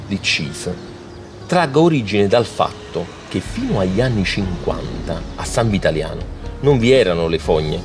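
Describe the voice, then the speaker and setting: A man narrating a documentary in an explanatory, storytelling way. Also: lowish voice. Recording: music playing behind.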